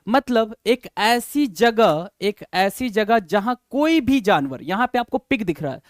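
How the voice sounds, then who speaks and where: Male vocab teacher, high voice, repeats words to drill them in. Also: expressive, unhurried, dry recording, clean studio sound. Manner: repetitive, coaxing, addresses learners as sir and brother. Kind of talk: vocabulary lesson.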